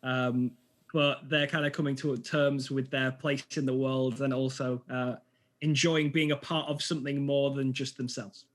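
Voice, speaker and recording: A man's voice: mid-range voice, little pitch movement, moderate pace. Hesitant man chatting at a game table. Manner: hesitant, many fillers. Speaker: player. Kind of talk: casual chat.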